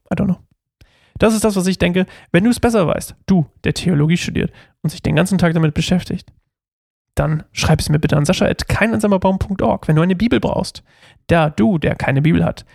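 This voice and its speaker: A man's voice: on the high side, a little fast, vocal fry, a little mellow, husky, no room sound, clean studio sound. A young man hosting a casual Bible study podcast, chatty and self-mocking, rambling with fillers as he reads and explains.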